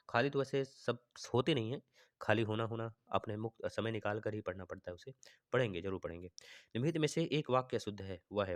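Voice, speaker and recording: A man teaching a Hindi grammar exam-prep lesson with a north Indian accent, reading sentences aloud and slowly repeating them as he thinks them through. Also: mid-range voice, no room sound, clean studio sound. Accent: Hindi-speaking north Indian.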